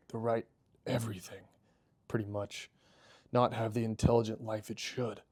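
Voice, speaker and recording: A deferential robot crewman reporting to his superior, read aloud by a man. The voice is mellow and dark, and the reading is hesitant and plain. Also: on the low side, dry recording. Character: deferential male robot crew member.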